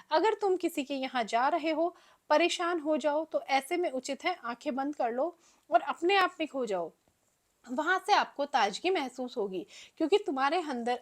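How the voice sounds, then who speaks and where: High-voiced woman narrating a story. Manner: measured reading with small slips.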